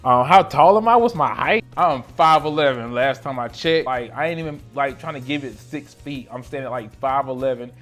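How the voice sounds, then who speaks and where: A playful esthetician vlogger from North Carolina, a man in his late thirties, talks slangy and loose into a close camera for a casual Q&A vlog in a small room lit by colored lights. He moves at a moderate pace with hardly any pauses, swinging between loud, excited bursts and low, mumbled asides while faint music plays underneath.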